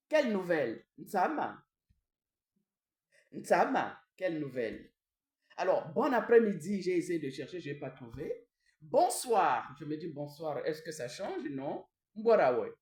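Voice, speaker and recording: A woman in the role of a traditional queen gives a language lesson. She repeats each word slowly and often tags her phrases with a questioning "hein?". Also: on the low side, darkish tone. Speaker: traditional queen teaching vocabulary. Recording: echoey room, mic at a distance.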